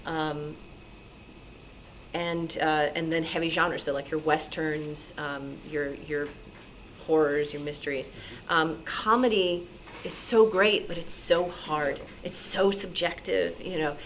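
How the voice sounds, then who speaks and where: An American woman with a low voice answers questions as a radio programmer at a club meeting, sounding enthusiastic and conversational. She takes her time, keeping her intonation fairly even, and the live-room audio is noisy.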